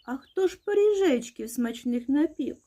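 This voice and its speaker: A woman's voice: high voice, lively intonation, normal speed, dark tone. A woman voicing a hardworking, patient little rooster who calls out and asks questions in a children's fairy tale. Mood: questioning. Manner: calling out, asking questions.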